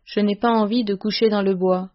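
A woman reading the lines of a sharp-tongued young wife who scolds her husband, in a scornful, bossy way. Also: medium pitch, steady tone, a little fast, muffled recording, natural voice.

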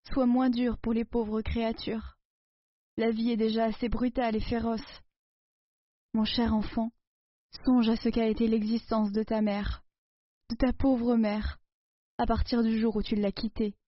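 A dying old mother full of anguish, her lament rising high and pleading, as a woman reader puts her on. The sound is dull and dry, with no room around it. It is storybook drama with heavy sorrow. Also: no room sound. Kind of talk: audiobook dialogue reading.

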